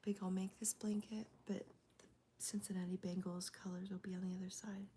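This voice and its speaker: A woman streaming live, whispering as she chats with viewers, her voice gravelly from a cold. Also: medium pitch, level tone, brisk, slight background noise. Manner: soft whispering with fillers. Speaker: crochet livestreamer. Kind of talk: whispered ASMR livestream chat. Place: home, early morning.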